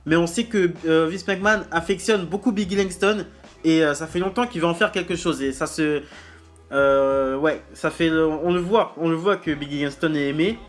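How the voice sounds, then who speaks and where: Man, fairly high voice, casual news commentary host, halting delivery with fillers, blunt slangy talk, faint music underneath. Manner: hesitant, many filler pauses and restarts. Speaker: wrestling news show host.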